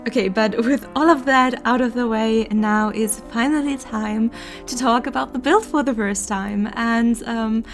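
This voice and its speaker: A woman's voice: fairly high pitch, unhurried, soft background music. A young woman in her twenties chatting in a casual voiceover, her voice nasal and congested from allergies, laughing often between words. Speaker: game building content creator.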